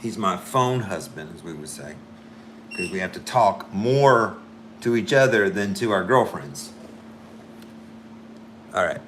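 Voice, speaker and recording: Here the drawing streamer talks in an unhurried way with long pauses, his deep voice lively in intonation and a touch bright. He wanders through casual chat, thinking aloud and sometimes trying out amateur French phrases, over faint background noise.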